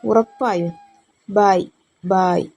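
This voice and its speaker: A woman's voice: mid-range voice, steady tone, extremely slow, darkish tone, highs cut off, faint music behind. A woman voicing a kind, easygoing young man who speaks in a friendly, reassuring way.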